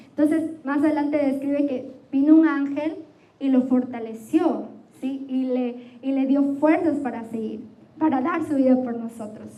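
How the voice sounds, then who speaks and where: Una mujer joven que predica un sermón con tono sincero y se dirige a menudo a los oyentes preguntando "¿sí?". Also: female voice, sits high, warm tone, rough recording. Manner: earnest, addresses listeners directly with frequent "¿sí?". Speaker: preacher. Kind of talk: sermon to a youth church.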